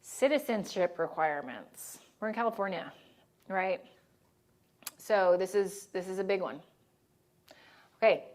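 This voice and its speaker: Leading a disaster assistance training, a woman speaks in an animated, unhurried way with long pauses. Her mid-range voice has a darkish tone, and she keeps things conversational by checking in with "right?" and "okay?"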